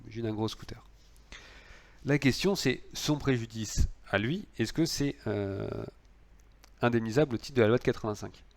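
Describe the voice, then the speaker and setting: A man's voice: mid-range voice, normal speed. A man lecturing on law, explaining cases with frequent fillers and restarts.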